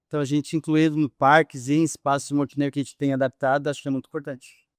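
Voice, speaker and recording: A man's voice: a little high, flat delivery, quick pace, smooth, no room sound, clean studio sound. A man, a physical education teacher, answering interview questions in a thoughtful, hesitant way with many fillers.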